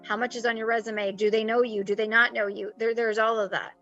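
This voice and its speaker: Bright-voiced woman coaching on a video call. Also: fairly high pitch, fairly quick, highs cut off, soft background music. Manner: animated and chatty, with frequent fillers. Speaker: acting coach hosting a video-call meet and greet. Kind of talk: casual advice chat. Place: home, with construction noise outside.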